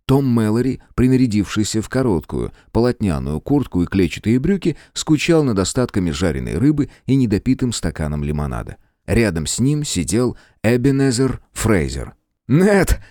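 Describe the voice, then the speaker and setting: Low-voiced male audiobook narrator. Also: very animated, normal speed, few pauses, mellow, no echo, studio quality. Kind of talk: scripted narration.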